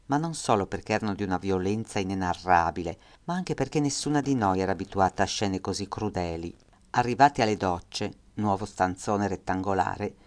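A man reading a first-person memoir aloud in a measured, grave manner. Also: on the low side. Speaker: audiobook reader.

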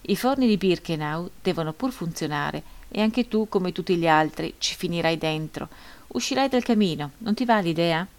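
Brief: woman reader doing a spiteful male guard in an audiobook, loud, scornful, mocking. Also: fairly low pitch, expressive, normal speed. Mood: sarcastic taunting. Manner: shouted, sarcastic taunting. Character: cruel sneering male camp guard, mocking.

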